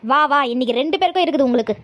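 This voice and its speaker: Woman doing a feisty young daughter-in-law, high voice, talks fast and sharp, dry sound. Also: expressive, no room sound. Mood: bossy. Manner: scolding and sharp-tongued. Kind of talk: comedy skit acting.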